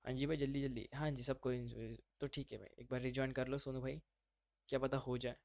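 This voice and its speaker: A man's voice: medium pitch, level tone, fairly quick, vocal fry, darkish tone, dry recording. A man teaching a live online class, talking students through steps in an informal, chatty way. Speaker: instructor.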